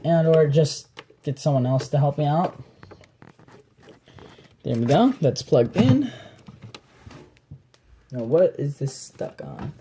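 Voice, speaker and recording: A chatty vlogger talks through a desk setup in a casual, rambling way, often trailing off mid-sentence. The voice sits at a middle pitch. It is recorded on a phone in a small room with a faint hiss behind it. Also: expressive, takes it slowly, long pauses, mellow. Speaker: channel host. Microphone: phone camera.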